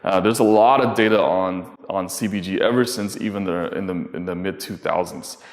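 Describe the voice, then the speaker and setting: A man giving an explanatory talk as medical advisor, halting, with many fillers. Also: sits low. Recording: long reverb.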